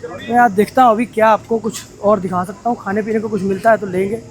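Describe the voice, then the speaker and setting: A man vlogging a mountain toy train ride, talking casually and excitedly to his viewers. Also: high voice, fast talker. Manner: chatty, excited, addresses viewers as brothers. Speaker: travel vlogger. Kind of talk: casual travel vlog narration. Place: aboard a mountain toy train and on station platforms.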